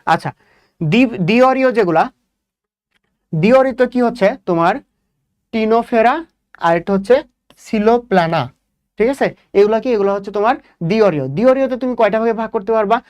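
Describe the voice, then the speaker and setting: A man's voice: high-pitched, expressive, moderate pace, long pauses, a little mellow. A young man giving an exam coaching lecture on biology. He asks the class questions, answers them himself, and repeats key points. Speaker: biology teacher.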